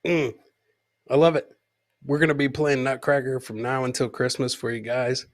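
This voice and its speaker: Speaking at a moderate pace in a medium-pitched voice with little pitch movement, this man runs a live comedy podcast. He jokes about clips, says his lines again for effect, and imitates the people he's talking about.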